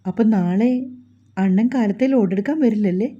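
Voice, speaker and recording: A woman's voice: mid-range voice, normal speed, dark tone, natural voice. A woman voicing a cheerful, teasing young man in a storybook reading, easygoing and reassuring, on a dull lo-fi recording. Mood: teasing reassurance.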